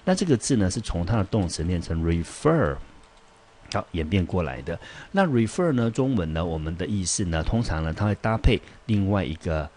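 A man's voice: low voice, very animated, moderate pace, darkish tone. A man with a Taiwanese Mandarin accent teaching English exam vocabulary in a patient, repetitive way, with many fillers.

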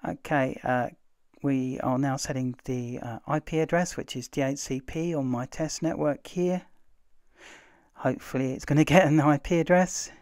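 Man, relaxed tech tutorial, lots of fillers, dry close sound. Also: fairly high pitch, no room sound. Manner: relaxed, chatty, many "uh" fillers. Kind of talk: casual screen-recorded tutorial narration.

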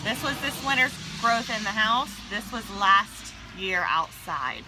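A woman's voice: medium pitch, a little slow, noisy background. A woman hosting a plant vlog, talking casually and chattily as she walks around outdoors. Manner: chatty and relaxed, with frequent fillers. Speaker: plant vlogger host.

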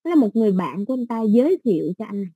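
Southern Vietnamese woman, English tutor, casual patient explainer, warm tone, dry sound. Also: mid-range voice, big pitch swings, very fast, husky, no echo. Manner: patient, explains step by step with soft fillers. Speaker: English teacher. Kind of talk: casual exam-prep lesson.

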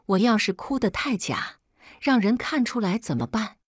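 Woman narrator doing a meek tearful young sister, soft, lively pitch, storybook. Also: normal speed, slightly rough, no echo, studio quality. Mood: timid. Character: timid soft-spoken young woman, anxious.

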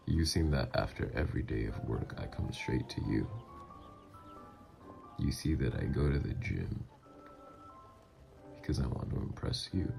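Performing a mafia boss fussing over his lover in an ASMR audio roleplay, a man delivers a heavily acted, earnest, reassuring performance as music plays. His voice is extremely deep and gravelly, ranging up and down flirtatiously in an intimate, teasing way.

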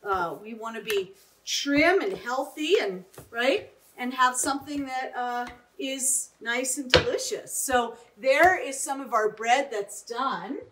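A middle-aged woman chef demonstrating a recipe in a home kitchen, talking in an upbeat, encouraging way. Her voice sits high and sounds bright and crisp. A lapel mic picks her up, with a faint hiss behind her. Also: slow. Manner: upbeat, enthusiastic, often adding "right?". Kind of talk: cooking demonstration.

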